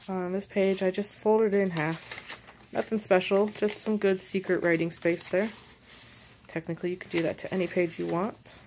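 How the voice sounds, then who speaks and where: A woman walking through her handmade journal page by page in a casual show-and-tell, unhurried and pausing as she handles the pages. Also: medium pitch, steady tone, a little mellow, a little hiss or hum. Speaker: journal maker and shop seller.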